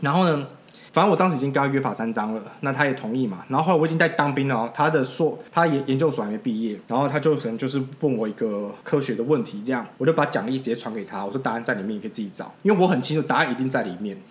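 A man's voice: mid-range voice, expressive, rapid-fire, roomy sound. A man hosting a casual podcast chat, telling rambling anecdotes and laughing at his own stories. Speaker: podcast host.

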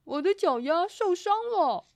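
A woman's voice: very high voice, big pitch swings, unhurried, no room sound, voice pushed up, heavily acted. A woman voicing a friendly, cheerful grown man in a children's storybook. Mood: pained.

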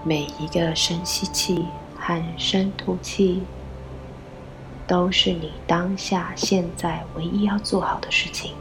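A woman leading a guided meditation, gently giving instructions in a soft, breathy voice with pauses. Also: on the low side, fairly even intonation. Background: background music.

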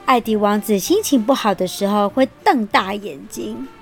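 A woman reading a picture book aloud to a child, gentle and expressive. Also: medium pitch, normal speed, vocal fry, soft background music. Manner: gentle and expressive, laughs often.

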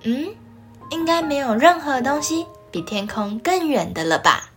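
A woman's voice: high voice, big pitch swings, moderate pace, over music, voice pushed up. A woman voicing an eager, loving young rabbit child with childlike, exaggerated expression, as if reading a picture book to a toddler. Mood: sleepy, loving.

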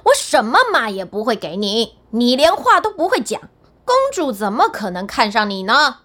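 A woman's voice: fairly high pitch, big pitch swings, normal speed, fairly bright tone. A woman reading a storybook and voicing a stern father who scolds his son with scorn. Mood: scornful. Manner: scornful, dismissive.

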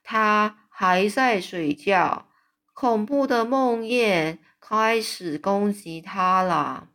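A woman doing a gentle, slow-spoken friendly giant. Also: medium pitch. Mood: hushed calm. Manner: soft, slow, hushed. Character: big friendly male giant, gentle and kind. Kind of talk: storybook read-aloud.

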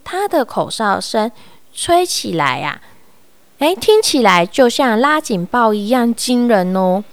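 A woman reading a children's story aloud in an expressive, sing-song way. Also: on the high side, a little slow, no room sound.

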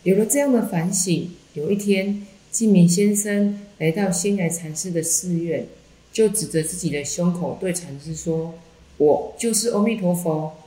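Calm Buddhist nun reader, mellow low voice, roomy echo. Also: female voice. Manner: calm, measured reading. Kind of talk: reading a Buddhist text aloud. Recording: echoey room.

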